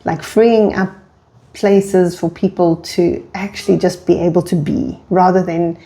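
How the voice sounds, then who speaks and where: A woman's voice: on the low side, fairly even intonation, a little slow, dark tone. A woman co-hosting a casual podcast conversation, encouraging and enthusiastic, talking in long linked thoughts. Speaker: podcast co-host.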